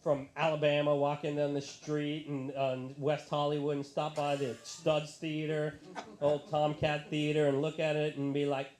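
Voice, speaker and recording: A man's voice: fairly high pitch, monotone, normal speed, a little mellow. A man in his thirties doing live stand-up comedy in a bar, ranting in a profane, exasperated way into a handheld mic. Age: 30s.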